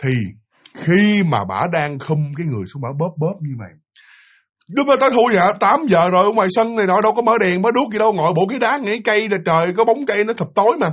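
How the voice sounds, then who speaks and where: A man's voice: high voice, lively intonation, fast, fairly bright tone. A man with a Southern Vietnamese accent telling a ghost story in a chatty way, speaking directly to his listeners. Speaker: storytelling channel host. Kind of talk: casual spoken ghost story.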